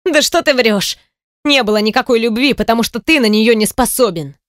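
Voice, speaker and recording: A woman reading an audiobook voices a sharp-tongued ex-wife, accusing and scornful. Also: fairly high pitch, brisk, dry recording, studio quality, close to an everyday voice. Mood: bitter.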